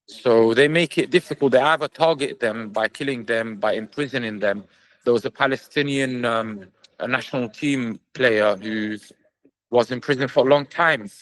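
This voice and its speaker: Young male fighter, guest in an interview, mid-pitched voice, speaks earnestly and stops to search for words. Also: rough recording. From England. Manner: earnest, halting with many fillers. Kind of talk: remote interview answers.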